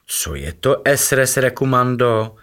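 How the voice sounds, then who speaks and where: Man doing a jumpy little critter voice, way higher than his own, kids story. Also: lively intonation, a bit bright, lightly acted. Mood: excited.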